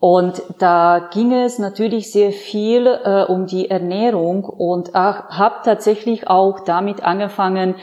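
A woman's voice: medium pitch, steady tone, unhurried, hardly any pauses, a little mellow, dull audio. A woman fitness trainer interviewed as a podcast guest, chatting in an earnest, storytelling way.

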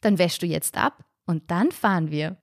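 A woman's voice: fairly low pitch, normal speed, no room sound. A woman voicing a mother who teases her daughter in a dry, mocking way. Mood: teasing. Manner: dry, teasing. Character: teasing mother of the family.

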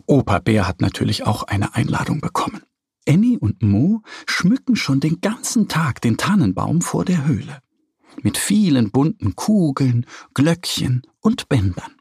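A man reading a children's story aloud with calm, expressive storytelling. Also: medium pitch, measured pace, slightly rough, no room sound, studio quality. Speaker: narrator.

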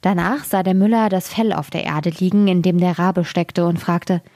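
A woman narrates a fairy tale in a calm, measured reading voice. Her pitch sits low. She is recorded close on a studio microphone, with a dry sound and no room echo. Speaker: storyteller.

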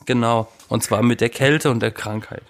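A man with a cold and a sore throat chats casually, speaking at normal speed with a medium-pitched voice. He jokes around and tells animated stories about home remedies.

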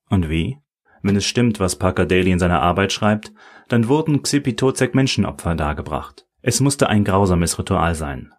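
A dry, mocking old professor, as a man reads him in an audiobook, lecturing at an easy pace in a low, husky voice. He sounds unhurried and sardonic. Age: older.

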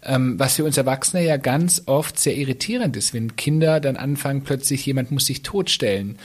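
A man's voice: mid-range voice, normal speed. A man co-hosting a casual podcast chat, speaking hesitantly with many fillers.

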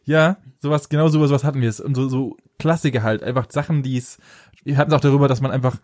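Male co-host, mid-pitched, bantering, dry recording. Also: fairly even intonation, a little mellow, no room sound. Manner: joking, quick interjections, teasing. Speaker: podcast co-host. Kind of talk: casual chat.

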